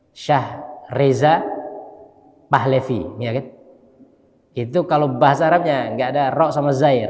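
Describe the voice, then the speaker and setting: A man teaching a relaxed dawn lesson in a large mosque, his mid-pitched voice trailing into a long hall reverb. He keeps checking with his listeners through quick tag questions and slowly spells out Arabic letters one by one. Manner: conversational, keeps asking listeners "ya kan?". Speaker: mosque imam and religious teacher. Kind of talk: casual dawn study lecture.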